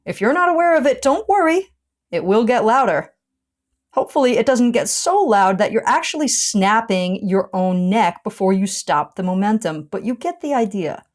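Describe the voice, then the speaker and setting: A woman yoga teacher reading her own blog post aloud, with a punchy, sarcastic delivery and sudden lifts in pitch. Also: animated, moderate pace.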